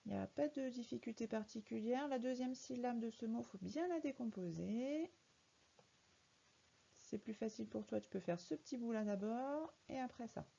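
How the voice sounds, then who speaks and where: A woman's voice: on the high side, moderate pace, creaky, mellow, breathy edge, lo-fi sound. A woman teaching a young child to read in a recorded lesson, patiently spelling words out letter by letter. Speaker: primary school teacher.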